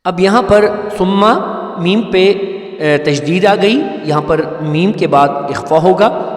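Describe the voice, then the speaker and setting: A man teaching Quran recitation rules, explaining each point patiently and then chanting verses slowly and melodically. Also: high voice, reverberant, big-room sound. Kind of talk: tajweed lesson with chanted recitation.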